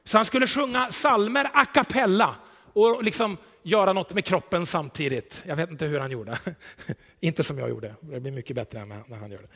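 A man preaching a sermon in a church, telling stories with animation, swelling loud for emphasis and then dropping quiet. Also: a little high, creaky, in a large hall. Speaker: pastor.

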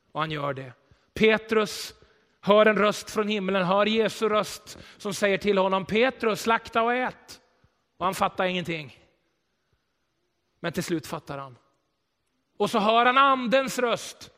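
A male pastor delivers a sermon with lively storytelling energy. His voice sits fairly high, rising loud on key points and sinking to a hush when he prays. Long reverb trails off the walls of the church hall. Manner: animated storytelling preacher, swells loud for emphasis then drops quiet.

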